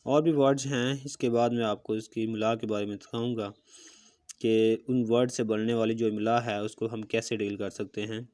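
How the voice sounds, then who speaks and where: A man's voice: fairly low pitch, steady tone, normal speed, darkish tone. A man teaching a handwriting lesson, explaining patiently step by step while he demonstrates pen strokes with a marker. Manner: patient step-by-step explaining, often checking in with "okay". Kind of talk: recorded calligraphy lesson.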